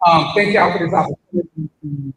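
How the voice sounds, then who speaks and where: An older man with a fairly bright tone and fairly quick delivery welcomes people to his church and leads an earnest spoken prayer, often repeating his words. The echoey church hall carries a faint rumble.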